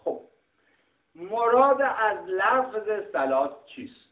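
A middle-aged man from Iran teaching a scripture lesson, arguing points and explaining word meanings, often clearing his throat. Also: high-pitched, sing-song. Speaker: religious teacher. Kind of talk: lecture on scripture. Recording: tinny, roomy, distant mic.

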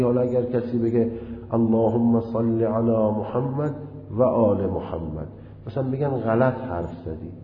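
Male seminary lecturer, deliberate and animated, dull lo-fi recording with long hall reverb. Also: mid-range voice. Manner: deliberate, chanting quoted recitations. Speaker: seminary teacher. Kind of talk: jurisprudence lecture.

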